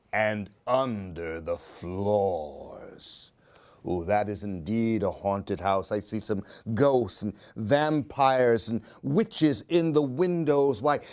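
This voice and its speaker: A mid-range, darkish male voice leads this story time. The host of a children's book show, he reads Halloween picture books in a theatrical style, chatting with young listeners through questions and asides.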